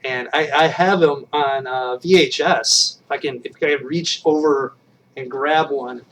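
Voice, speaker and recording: A man in his late thirties chats casually with viewers on a webcam-recorded live stream, his medium-pitched, slightly bright voice moving at a measured pace. The poor audio, taken far from the mic, carries slight background noise, and he rambles with self-deprecating humor and frequent restarts.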